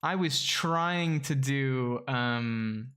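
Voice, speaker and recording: A man's voice: medium pitch, drawn-out words, fairly bright tone, smooth. A man casually chatting while playing a strategy game on a live stream, easygoing and hesitant, with plenty of ums and chuckles.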